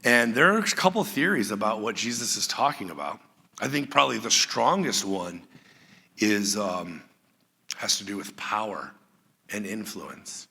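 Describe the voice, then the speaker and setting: A middle-aged man preaching a conversational, animated sermon as pastor. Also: on the low side, normal speed, gravelly, breathy edge, long reverb tail. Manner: animated, conversational, acts out quoted lines.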